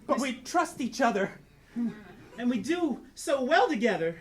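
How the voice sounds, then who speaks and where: A man's voice: very high voice, sing-song, measured pace, very noisy, exaggerated voice. Man playing an earnest, lovelorn carnival strongman. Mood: earnest, defiant. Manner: earnest, melodramatic. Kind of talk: live improv comedy scene.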